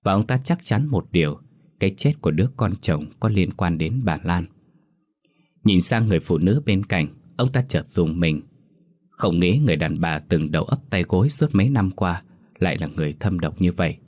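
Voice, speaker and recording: Deep-voiced man narrating a ghost story. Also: animated, darkish tone. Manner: measured, dramatic storytelling.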